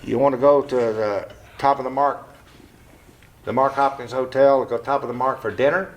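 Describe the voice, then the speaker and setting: A man in his seventies, with a mid-range voice and fairly even intonation, is interviewed about his life in his living room. The casual oral-history talk is plain and blunt with some cursing, and he often stops and restarts with "uh."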